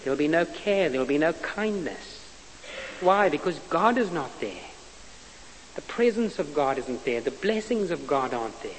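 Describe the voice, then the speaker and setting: A man preaching a sermon in an earnest, emphatic way, repeating his phrases for weight. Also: on the high side. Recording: reverberant hall with faint hiss.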